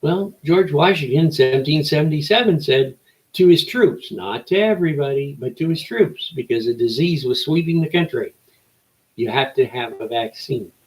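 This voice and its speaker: A man's voice: a little high, animated, normal speed, rough recording. An older man delivering a rambling opinion monologue as an old man's folksy rant, with rhetorical questions and short emphatic phrases. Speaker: show host.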